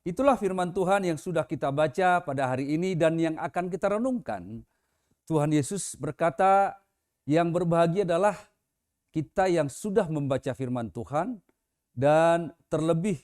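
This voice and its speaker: A man's voice: on the high side, a little mellow, smooth. A man, a pastor, preaching a Sunday sermon in a conversational way, with casual examples. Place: church.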